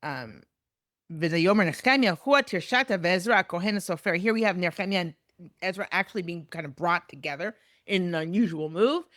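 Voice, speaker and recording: A woman's voice: fairly low pitch, brisk, fairly bright tone, dry recording. Woman teaching Bible text, dry sound. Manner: reads Hebrew verses aloud, then translates and explains. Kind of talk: recorded lecture.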